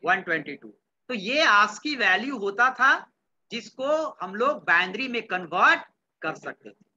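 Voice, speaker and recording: A man teaching a class, his voice bright and forward. He keeps firing questions at the students and echoing their replies. The recording is dull and lo-fi. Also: sits high, lively intonation, measured pace, a little hiss or hum. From Bihar, India. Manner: quizzes students and repeats their answers; mixes English terms into Hindi. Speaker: computer science teacher. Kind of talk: classroom lecture.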